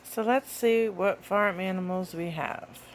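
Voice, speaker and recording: A woman's voice: medium pitch, unhurried, a little hiss or hum, poor audio. A woman presenting to small children in simple words, as if reading to a toddler, with sing-song questions and playful delivery. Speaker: presenter of a children's educational video. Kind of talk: simple talk to toddlers about toys.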